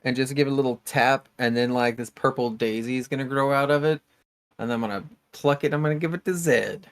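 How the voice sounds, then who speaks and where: A man's voice: medium pitch, brisk, smooth. A man casually describing his fairy character and its actions as a player in a tabletop game, rambling with lots of fillers.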